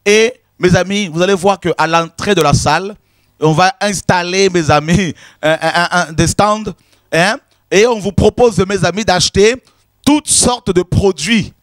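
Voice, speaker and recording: A man's voice: high voice, a little slow, no echo, studio quality. A man preaching a sermon, emphatic and repetitive, often calling his listeners "my friends". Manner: emphatic, repetitive, addresses listeners as "mes amis".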